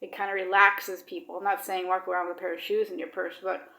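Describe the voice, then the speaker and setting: Talking fast in a lowish, level, sharp-toned voice, a woman vlogs casually from an echoey room. Her chat rambles with many fillers, and she mixes in Swedish words here and there while speaking English.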